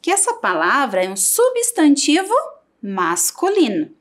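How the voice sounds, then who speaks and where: A woman with a Brazilian Portuguese accent teaching a televised primary school lesson, sounding out syllables for children. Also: high-pitched. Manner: slow, lively, sings out syllables for children.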